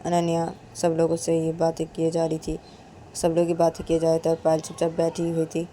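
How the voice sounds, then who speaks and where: A woman's voice: deep voice, monotone, brisk, mellow, a little hiss or hum. A woman narrating a romance story in a casual, plain, repetitive spoken style.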